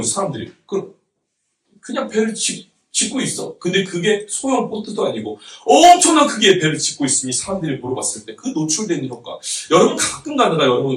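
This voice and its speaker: A man in his thirties, a pastor, preaching a conversational sermon with jokes and laughter, recorded from a distance in a church sanctuary. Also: on the high side. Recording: roomy hall from a distance.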